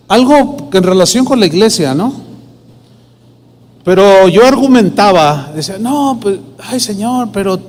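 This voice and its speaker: Pastor preaching in a reverberant hall. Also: male voice, high voice, darkish tone. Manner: storytelling, acts out dialogue in quoted voices. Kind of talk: sermon with personal testimony.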